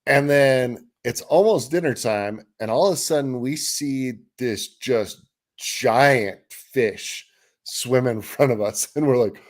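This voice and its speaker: A podcast co-host on a fishing show tells a story casually at a slow pace in a medium-pitched voice. He's an animated storyteller who acts out what people said and laughs as he goes.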